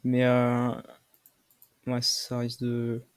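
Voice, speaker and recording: A young man commentating his own game play, swearing often and shouting when he loses. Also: medium pitch, completely flat delivery, very slow, smooth. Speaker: gaming streamer.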